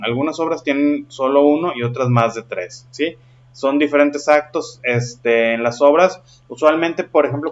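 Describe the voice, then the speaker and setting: Man, teacher, patient explaining, frequent check-in questions, dull lo-fi recording. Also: mid-range voice. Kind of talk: explaining a lesson.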